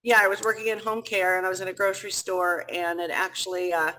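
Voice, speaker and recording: A woman's voice: medium pitch, quick pace, poor audio. Chatty woman telling her story. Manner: animated, chatty, acts out quoted speech. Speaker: food pantry founder, guest. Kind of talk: casual interview storytelling.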